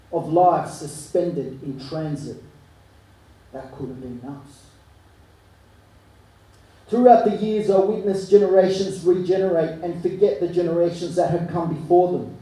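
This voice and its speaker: A man, performing spoken word poetry live with a rhythmic, rhyming delivery that swings between hushed and forceful. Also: high-pitched, a little slow, long pauses. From Chile. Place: live arts venue. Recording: echoey room, mic from far off.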